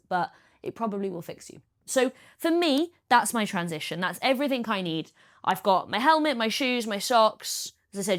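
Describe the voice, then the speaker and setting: A woman, talking through her triathlon kit in a casual how-to vlog, chatty and practical. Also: mid-range voice. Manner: chatty, practical, explains step by step. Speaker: triathlete vlogger.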